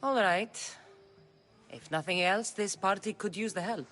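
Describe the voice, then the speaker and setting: A woman's voice: medium pitch, measured pace, a bit bright, faint music behind, natural voice. An actress playing a dry-witted, blunt female warrior in a video game. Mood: wry. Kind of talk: video game character dialogue.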